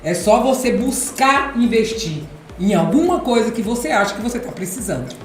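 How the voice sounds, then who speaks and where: A woman from the Northeast hosting a podcast, speaking emphatically and repeating phrases for effect, with a deep contralto quality. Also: very animated, moderate pace, a little hiss or hum. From Ceará, Brazil. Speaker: podcast host and speaking coach. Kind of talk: casual podcast chat. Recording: echoey room, soft music behind.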